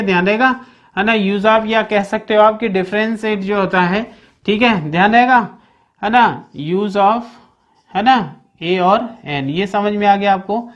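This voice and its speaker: A patient classroom voice that walks through each rule step by step. The speaker stops again and again to ask whether the point is clear and to remind listeners to keep it in mind. Example sentences are spoken slowly and deliberately. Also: medium pitch, a bit bright, highs cut off. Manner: checks understanding constantly with repeated "okay, keep in mind"; slows down to spell out example sentences. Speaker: teacher. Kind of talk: explaining a grammar lesson.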